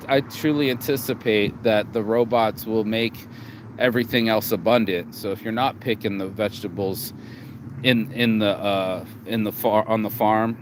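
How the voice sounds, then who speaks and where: A tired man from Las Vegas, vlogging in a casual, rambling monologue with profanity and many restarts and repeated words. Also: lowish voice. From Las Vegas, USA. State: tired, low energy. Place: outdoors in a city. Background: street and traffic noise.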